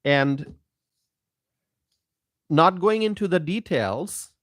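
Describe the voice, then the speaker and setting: Male channel host from Bangladesh, unhurried emphatic monologue, dry close sound. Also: a little high, expressive, no room sound. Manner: repetitive, emphatic, addresses viewers directly. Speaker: political commentary channel host. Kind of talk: casual monologue to camera.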